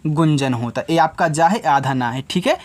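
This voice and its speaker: A man with a Hindi accent teaching English phonics to children, slowly spelling out letters and repeating the answers to his own questions. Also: a little high. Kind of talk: whiteboard phonics lesson.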